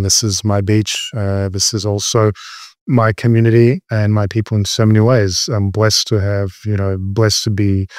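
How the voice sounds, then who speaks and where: A man's voice: fairly low pitch, a little mellow, no room sound, clean studio sound. A man from Australia, a lawyer answering podcast interview questions with many hesitant fillers.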